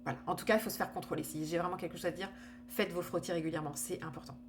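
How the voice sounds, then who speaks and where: A woman's voice: on the low side, steady tone, very fast, slight background noise. A woman telling her own story in a candid, conversational way, full of fillers and restarts. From France. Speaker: storyteller sharing her cancer experience. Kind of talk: casual personal testimony.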